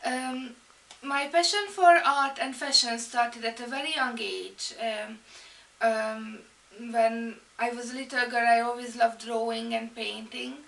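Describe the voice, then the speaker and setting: A woman in her thirties with a Hungarian accent introduces herself, halting and full of ums and restarts. Her voice sits high, bright and a little gravelly. She is recorded a bit away from the mic in an echoey room. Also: steady tone, recorded from a distance. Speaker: art and fashion student. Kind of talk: personal introduction video.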